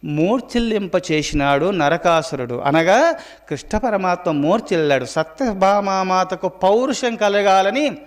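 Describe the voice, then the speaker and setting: A man, a swami, telling a devotional story as a sermon and slowing into drawn-out chanted verses. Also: high voice. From India. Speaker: swami giving a religious discourse. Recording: long hall reverb.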